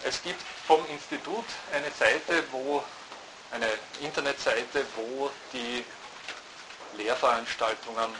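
A man lecturing at a university, thoughtful and halting, often restarting his sentences. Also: medium pitch, fairly even intonation. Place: lecture hall. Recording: noisy lecture hall recording.

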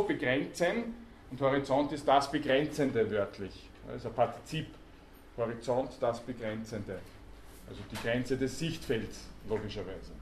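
A man's voice: mid-range voice, darkish tone. Man lecturing in an echoey hall. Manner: explains patiently, quizzes the class, many hesitation sounds. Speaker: university lecturer. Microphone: student recording from the audience. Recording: echoey hall, faint background noise.

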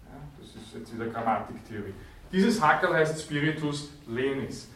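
A man's voice: mid-range voice, animated, normal speed, a bit bright, distant mic. Man lecturing in an echoey hall. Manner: explanatory, with frequent fillers and self-corrections. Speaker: university lecturer. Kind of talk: university lecture.

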